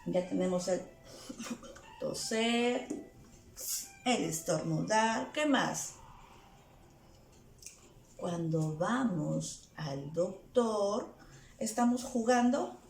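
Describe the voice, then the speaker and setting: Woman teacher coaxing little kids with questions, unhurried delivery, echoey room. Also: mid-range voice, animated, gravelly, a little mellow, slight background noise. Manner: asks the children questions; playful, acts out sounds. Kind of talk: lesson for small children. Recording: echoey room with faint music.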